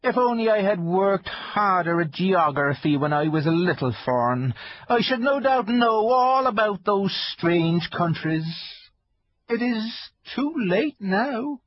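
Fawn, male, timid and courteous, very high fluttering voice, husky, dull lo-fi sound. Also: wildly swooping pitch, a little slow, full character voice. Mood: fussy polite. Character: timid polite male fawn, small and fussy. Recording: dull lo-fi dry recording.

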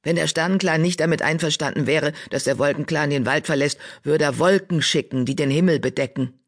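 A woman's voice: low-pitched, fairly quick. A woman reading an audiobook, voicing a proud male cat clan leader who speaks coldly and dismissively. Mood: scornful.

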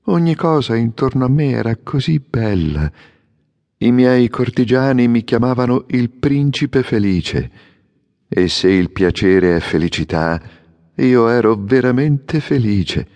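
A man voicing a grave golden statue of a sorrowful prince in an audiobook fairy tale, speaking in a solemn, measured way. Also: medium pitch, expressive, darkish tone, dry recording, lo-fi sound. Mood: melancholy. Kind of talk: audiobook character reading.

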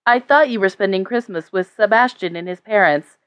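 A weary, grumpy grandfather, read by a woman narrator, speaking in a gruff, tired way. The audio sounds a little dull and lo-fi. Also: mid-range voice, brisk, close to an everyday voice.

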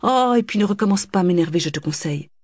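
A woman voicing an irritable, scolding mother with a sharp, nagging manner in an audiobook. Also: medium pitch, lively intonation, quick pace, breathy edge, no echo, studio quality, pitched above the performer's own voice. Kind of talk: audiobook character voice.

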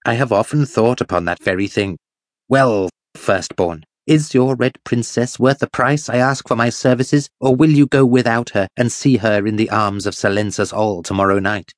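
Man putting on a high, querulous old miser, greedy and fearful, for an audiobook. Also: normal speed, dry recording, studio quality, close to an everyday voice. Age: older. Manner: shrill, wheedling and querulous. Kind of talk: audiobook character voice.

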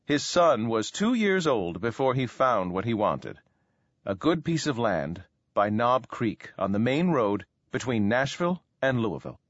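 Expressive male audiobook narrator. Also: mid-range voice, a little slow, dry recording, muffled recording. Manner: expressive storytelling. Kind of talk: scripted narration.

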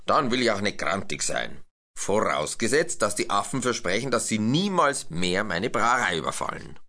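A man's voice: fairly low pitch, very animated, normal speed, sharp tone, exaggerated voice. A man voicing a grumpy, fussy male brewery master in a children's story. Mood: bargaining. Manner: fussy, indignant.

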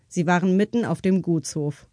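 A woman reading a crime novel aloud as an audiobook narrator, in measured, even storytelling. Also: fairly low pitch, dry recording, clean studio sound. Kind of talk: scripted narration.

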